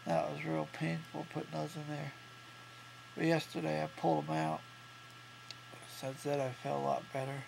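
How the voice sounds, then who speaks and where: This thirties vlogger, recovering from jaw surgery, has a darkish tone and a completely flat delivery, with heavy vocal fry and barely any pitch movement. He's congested, can't breathe through his nose, and sounds thick-mouthed as he speaks in a halting, matter-of-fact diary style. Clear hum and noise sit under his home recording.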